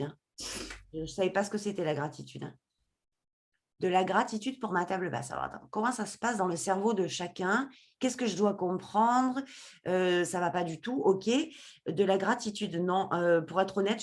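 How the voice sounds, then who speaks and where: A woman, a podcast guest, telling a personal story with feeling and acting out the conversations in it. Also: medium pitch. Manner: expressive, re-enacts dialogue in her story.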